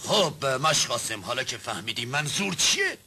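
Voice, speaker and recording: An actor playing a stern, pompous nobleman who presides as judge, pedantic and quick to demand silence. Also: mid-range voice, very animated, crowd noise. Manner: pedantic, orders silence, corrects words.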